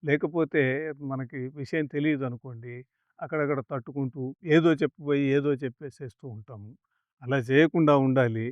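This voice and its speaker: A man giving a calm, measured lecture that explains scripture, chanting the verses slowly. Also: mid-range voice, no room sound, dull audio. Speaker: spiritual teacher.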